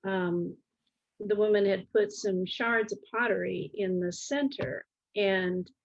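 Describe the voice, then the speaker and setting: A middle-aged or older woman speaking in a calm, gentle, reflective way in an interview, halting as she searches for words. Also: mid-range voice, gravelly, lo-fi sound. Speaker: interview guest.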